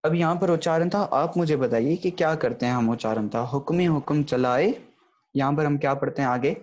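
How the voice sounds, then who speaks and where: A man gives an online grammar lesson, talking in a fairly high voice. He explains each point patiently and keeps checking in with his students. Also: quick pace, darkish tone. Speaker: Gurbani grammar teacher. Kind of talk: online lecture.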